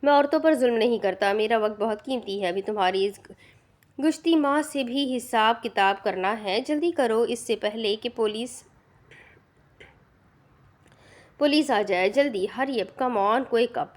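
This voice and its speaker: This is a cold, merciless young man issuing threats in a storybook reading, voiced by a woman narrator. He speaks with harsh contempt and clipped commands. The voice sits somewhat high. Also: natural voice. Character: ruthless young male avenger, cold and threatening.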